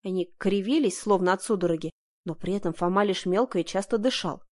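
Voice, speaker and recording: Brief: woman reading a first-person story aloud, dramatic and emotional, middle pitch. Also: brisk. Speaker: audiobook narrator. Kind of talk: first-person audiobook narration.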